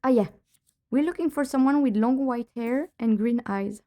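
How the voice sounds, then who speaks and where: Her voice runs on the high side with a dark tone, at normal speed. She's a woman with a cold, voice lowered, casually chatting on a live stream of a detective game and laughing frequently as she plays.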